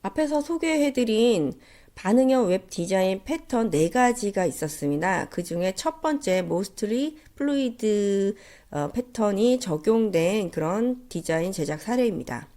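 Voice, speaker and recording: Female lecturer, congested and nasal from a head cold, animated pitch movement, courteous step-by-step teaching delivery. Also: measured pace. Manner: polite, explanatory. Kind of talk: instructional slide lecture.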